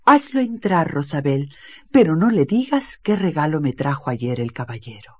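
A storyteller voicing a young lovesick lady trapped in a tower, speaking in a high, pleading, tearful tone. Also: big pitch swings, normal speed, a little mellow, slightly rough, no room sound, lo-fi sound.

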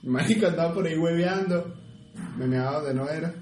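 A man's voice: a little high, darkish tone. Joking young man in an echoey room. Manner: joking, swears casually, quick bursts of speech. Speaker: podcast co-host. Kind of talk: casual podcast banter. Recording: echoey room with faint noise.

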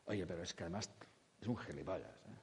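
A man's voice: sits low, fast, big-room sound, a crowd in the background. A man giving a humorous spiritual talk to an audience, acting out quoted voices with crude jokes. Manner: lively, acts out quoted voices, jokey and crude. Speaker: spiritual speaker.

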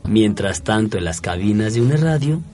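A man's voice: lowish voice, animated, moderate pace, over loud music. A man with a Mexican accent narrates a comic scripted story in a wry, self-correcting manner.

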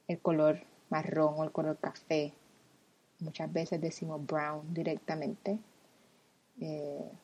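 A woman from Puerto Rico, a guest on a language blog, speaks in a low, slightly mellow voice with a breathy edge. In a casual, friendly way and with a Puerto Rican Spanish accent, she explains everyday words using examples.

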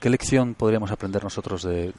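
A male interviewer puts long, curious questions to his guest. He talks very fast, and his voice sits at a middle pitch. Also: warm tone. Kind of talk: casual interview chat.

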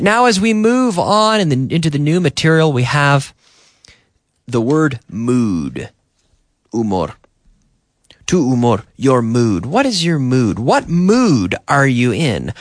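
A man teaching English on a radio program, repeating words slowly and stretching his phrases, with an animated, drawn-out teacher's delivery. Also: lowish voice, creaky, no echo, clean studio sound. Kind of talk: slow, repetitive language lesson.

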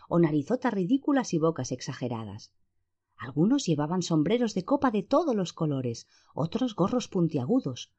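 A woman reading a fantasy novel aloud, with expressive storytelling narration. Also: lowish voice, slightly rough. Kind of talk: audiobook narration. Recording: dull lo-fi.

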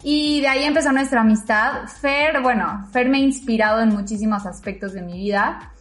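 A young woman talks about her friends in an earnest, gushing way and often repeats her words. Her voice is slightly high, and the echoey recording has faint music underneath. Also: normal speed. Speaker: podcast co-host. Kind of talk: casual chat.

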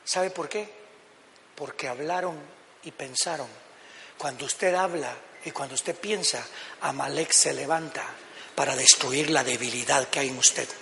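High bright-voiced older pastor preaching. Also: male voice, measured pace, gravelly, a little hiss or hum. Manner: dramatic, swings from low murmurs to shouted peaks. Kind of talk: sermon. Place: church hall. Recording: reverberant church hall, faint ambience.

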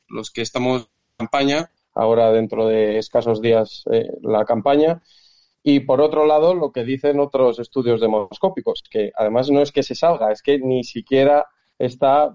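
A man from Castile and León, a political candidate, speaking in a phone interview heard over a telephone line, measured and leaning on fillers and restarts. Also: mid-range voice, mellow. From Castile and León, Spain.

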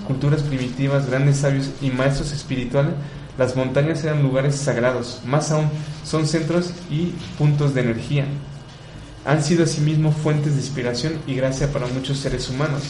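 A man's voice: mid-range voice, a little mellow, roomy sound, slight background noise, low-quality recording. A man giving earnest commentary, asking rhetorical questions and repeating words for emphasis. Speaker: radio host. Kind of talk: reflective commentary on environmental issues.

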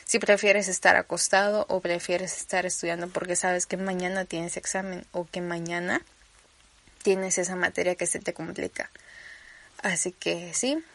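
A woman's voice: fairly low pitch, flat delivery, normal speed, vocal fry, fairly bright tone. A young woman from Campeche with a Mexican accent, hosting a casual solo podcast, chatty and rambling with playful asides. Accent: Mexican Spanish, Campeche. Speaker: podcast host.

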